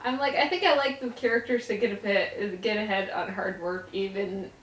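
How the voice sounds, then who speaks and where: A woman's voice: medium pitch, normal speed, a bit bright. A woman chatting casually on a podcast, hesitant and often restarting her sentences. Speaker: podcast co-host. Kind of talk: casual chat. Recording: roomy, distant from mic, faint noise.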